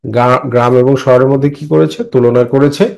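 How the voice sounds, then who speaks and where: A young man teaching an English lesson in Bengali, slowing down to read the English lines aloud and explaining each word. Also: medium pitch, fairly even intonation, vocal fry, a little mellow, rough recording. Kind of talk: classroom lesson explaining a textbook poem.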